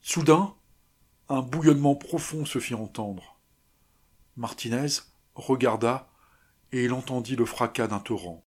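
A male audiobook narrator reading a classic novella with dramatic emphasis. His pace is slow and deliberate, and his voice has a husky grain. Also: mid-range voice, darkish tone.

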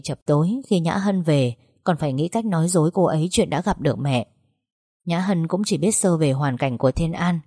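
Female audiobook narrator, low mellow voice, dry close sound. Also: no room sound. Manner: steady, expressive storytelling. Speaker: story narrator.

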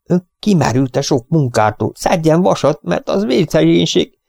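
A man doing a vain, fretful stage actor in an audiobook, his voice lifted high and theatrical. He complains in a self-pitying, dramatic manner, heard close and dry. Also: expressive, vocal fry, a little mellow, dry recording. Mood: fussy.

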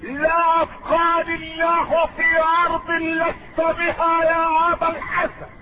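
A man's voice: very high voice, completely flat delivery, unhurried, a little hiss or hum, voice pushed up. A man preaching voices a humbled older ruler, on a tinny lo-fi tape. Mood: devoted.

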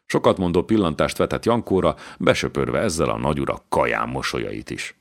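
A man narrating a historical novel as an audiobook in a measured, even way. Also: rumbling low, gravelly.

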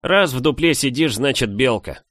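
A man voicing a serious, businesslike young boy who speaks in a brisk, matter-of-fact way in an audiobook. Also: mid-range voice, animated, a bit bright, no room sound, studio quality, pitched above the performer's own voice.

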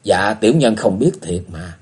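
A man voicing a proud, wounded young man who answers politely in a husky voice in a story reading. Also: fairly low pitch, animated, moderate pace, darkish tone. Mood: restrained.

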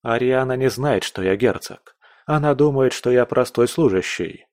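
A man's voice: medium pitch, moderate pace, darkish tone, dry recording, clean studio sound, close to an everyday voice. A man voicing an earnest young nobleman in love who speaks firmly and stubbornly.

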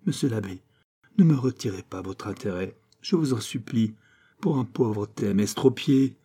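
A man's voice: medium pitch, normal speed, warm tone, voice pushed up, close to an everyday voice. A man voicing a clumsy teenage schoolboy who pleads and whines with his teacher, in an audiobook. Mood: pitiful. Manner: pleading, whining.

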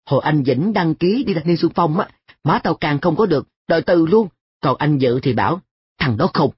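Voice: medium pitch, lively intonation, normal speed, breathy edge, no echo, muffled recording, voice pushed up. A reader voicing a carefree, cheeky schoolboy who talks in an offhand, shrugging way in a story reading. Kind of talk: audiobook dialogue.

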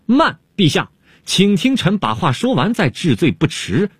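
Man doing cunning court jester, unhurried teasing drawl, husky, dry close sound. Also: mid-range voice, sing-song, no echo. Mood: pleading. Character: sly, unflappable male Han court jester-scholar.

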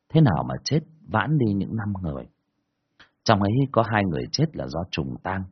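A man telling a first-person ghost story in a colloquial, earthy, expressive way, in a dull lo-fi recording. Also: deep voice, husky.

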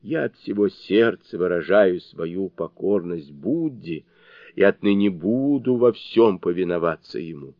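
A huge bull demon king from an audio fairy tale, beaten and begging in a low, hushed, lowing voice, as a male narrator puts him on. The lively storyteller's delivery comes through a dull, lo-fi recording that is dry and close, with no room sound. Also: unhurried, no echo. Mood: pleading.

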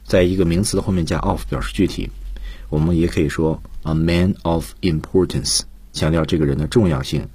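A man's voice: low voice, steady tone, a little fast, mellow, breathy edge, no room sound. A man teaching English on a radio lesson, patiently explaining words and grammar in his own language with English examples. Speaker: English teacher and guest lecturer. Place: radio studio.

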